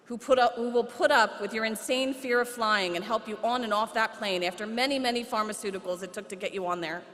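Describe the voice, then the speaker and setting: A middle-aged woman speaks at a podium microphone, delivering a prepared commencement address. Her pace is measured, with touches of light humor. Her voice carries a long reverb from the large hall. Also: fairly high pitch, fairly bright tone.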